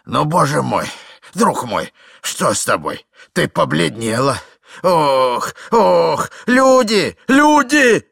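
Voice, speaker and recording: A man voicing a fussy, frantic elderly husband who shouts in a shrill, flustered way. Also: sing-song, a little slow, creaky, slightly rough, no room sound, clean studio sound, full character voice. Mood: alarmed.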